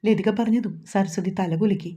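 A woman with a Malayalam accent reading a romantic novel aloud as narrator, voicing every character in a fairly even tone. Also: medium pitch, normal speed, breathy edge. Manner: reads all characters' dialogue in a mostly even voice. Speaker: story narrator.

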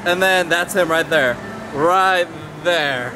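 Chatty excitable male travel vlogger. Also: a little high, slow, over music, low-quality recording. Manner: chatty, excitable, lots of fillers and restarts. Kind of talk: casual walking vlog. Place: busy indoor food market in a mall. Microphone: handheld camera at arm's length.

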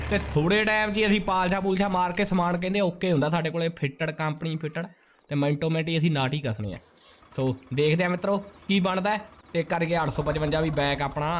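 A man's voice: on the high side, slight background noise. A man, giving casual game commentary to viewers with chatty, hearty, slangy banter. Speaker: gaming video host. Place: indoor room, gaming setup.

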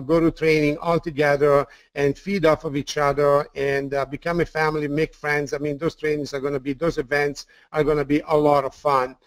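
Italian accent guy doing a sales webinar, kinda high voice, dry close sound, lots of uh and repeats. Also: no echo. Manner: enthusiastic, repeats words, many fillers. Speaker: webinar presenter.

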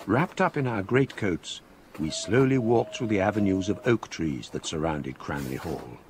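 An actor playing a scholarly gentleman narrating his ghost story in measured, grave, literary style. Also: deep voice, expressive, a little hiss or hum. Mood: grave, haunted. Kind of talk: dramatic scripted narration.

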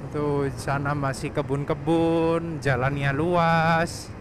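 A man's voice: a little high, flat delivery, slow. A young man on a motorcycle, chatting casually to the camera as he rides, laughing often and talking about himself in the third person. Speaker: motovlogger. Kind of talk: casual riding commentary. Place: on a motorcycle on an open road outdoors. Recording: faint wind and traffic noise.

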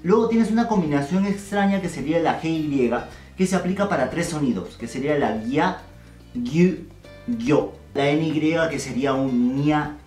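A man teaches a casual video lesson, joking and slangy as he drills sounds slowly. His voice sits a little high and sounds set back from the mic in an echoey room. Faint music plays underneath. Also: darkish tone, distant mic. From Peru. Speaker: language teacher.

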